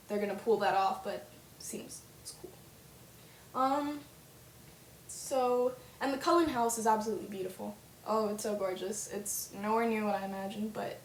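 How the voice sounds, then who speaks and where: A young woman chatting in a casual fan vlog, gushing and full of fillers. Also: mid-range voice. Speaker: fan vlogger. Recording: roomy webcam audio with faint hiss.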